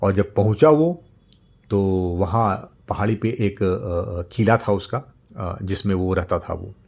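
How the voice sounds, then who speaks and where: A middle-aged man narrates a motivational story in an unscripted, conversational way. He pauses on fillers and repeats words as he goes. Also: fairly low pitch, vocal fry, darkish tone, breathy edge. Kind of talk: casual spoken story narration.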